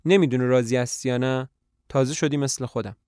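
A man's voice: medium pitch, fairly even intonation, darkish tone, no echo, clean studio sound, close to an everyday voice. A man voicing a fretful, talkative older tramp who asks probing questions and coaxes his friend. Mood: questioning. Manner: probing questions, coaxing reassurance.

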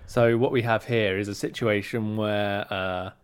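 A man's voice: fairly low pitch, fairly even intonation, measured pace, clear, resonant tone. A young man co-hosting a podcast, chatting casually in a wry, teasing, rambling way. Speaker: podcast co-host. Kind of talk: casual chat.

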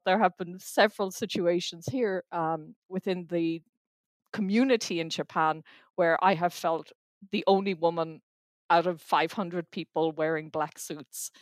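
A woman's voice: fairly low pitch, fairly even intonation, measured pace, no echo, clean studio sound. Explaining woman from Ireland. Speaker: professor. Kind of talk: interview testimony.

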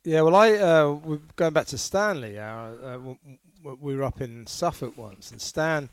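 A British man co-hosting a podcast, telling dog stories with halting starts that turn animated. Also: fairly high pitch, smooth, dry recording. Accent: British English. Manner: hesitant starts, then animated storytelling. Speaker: podcast co-host. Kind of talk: casual chat, anecdotes.

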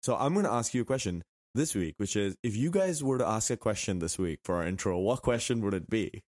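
A man hosting a casual sports podcast in a wry way, his voice raspy and hoarse from a throat infection. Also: fairly low pitch, animated, a little fast, darkish tone, no room sound, clean studio sound. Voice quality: gravelly, raspy voice. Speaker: podcast host.

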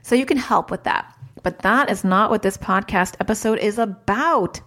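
A woman's voice: mid-range voice, moderate pace, fairly bright tone. A woman in her thirties talks through a solo parenting podcast in a loose, chatty way. She drifts off track, leans on filler words, and keeps the advice plain and practical. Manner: chatty, wanders off track, lots of "like" and "super". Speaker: podcast host, child therapist.

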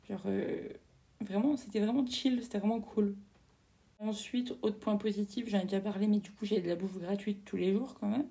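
A young French woman chats through her solo podcast, rambling along with fillers and quick self-corrections. Her voice is mellow and gravelly, and she keeps a flat, even tone. She talks like she is catching up with a friend. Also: medium pitch. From France. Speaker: podcast host. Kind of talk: casual solo podcast monologue.

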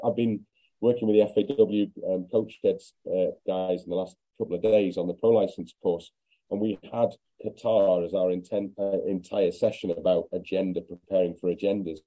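A middle-aged man from Wales giving measured, wry football opinions on a podcast. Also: low-pitched, steady tone, warm tone. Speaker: football pundit guest. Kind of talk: podcast discussion. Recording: slightly muffled audio.

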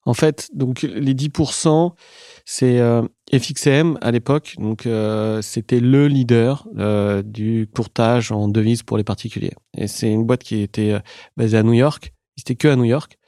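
Mellow-voiced man telling his story. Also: medium pitch, fairly even intonation, a little slow, no room sound, studio quality. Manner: hesitant, many fillers and restarts. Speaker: entrepreneur guest. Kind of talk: casual interview storytelling.

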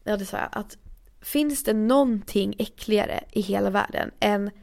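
A woman's voice: mid-range voice, vocal fry, darkish tone. A young woman from Sweden, co-hosting a podcast in a chatty, rambling way with lots of fillers. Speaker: podcast co-host. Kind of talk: casual chat.

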